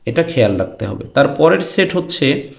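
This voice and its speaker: In an echoey room, a man gives a Quran pronunciation lesson, speaking directly to his students and chanting drawn-out letter names between explanations. His voice is medium-pitched and sing-song, with vocal fry.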